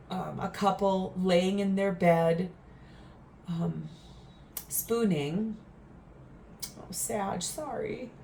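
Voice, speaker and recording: A woman giving a tarot reading in a gentle, earnest, reflective way, with frequent fillers. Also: on the low side, slight background noise. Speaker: tarot reader.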